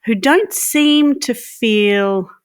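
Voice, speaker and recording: A woman hosts a podcast and asks long, winding questions in an admiring tone. She speaks at an unhurried, measured pace and backs her guest with soft murmurs. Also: on the high side, smooth, dry recording, studio quality. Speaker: podcast host. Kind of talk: interview conversation.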